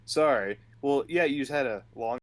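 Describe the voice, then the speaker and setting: A man's voice: mid-range voice, normal speed. A man co-hosting a podcast in casual chat, often repeating words as he starts a sentence. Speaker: podcast co-host.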